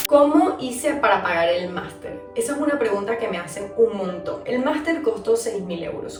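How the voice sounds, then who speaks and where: A young adult woman from Venezuela, telling a personal story in a chatty, animated vlog. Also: mid-range voice. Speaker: vlogger telling her story. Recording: echoey room, mic at a distance, soft music.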